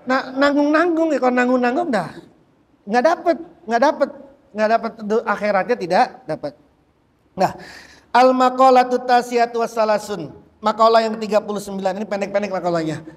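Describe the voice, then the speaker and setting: A man teaching a religious book study, animated and repeating phrases as he drives a point home. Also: very high voice, normal speed, long reverb tail. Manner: animated, repeats phrases, acts out quoted speech. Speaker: Islamic teacher.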